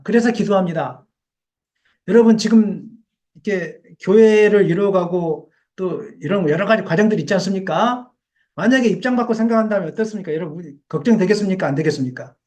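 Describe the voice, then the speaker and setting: High-pitched and somewhat dark in tone, this man's voice belongs to a pastor giving an emphatic Sunday sermon. Standing in the church sanctuary, he keeps throwing rhetorical questions at the congregation.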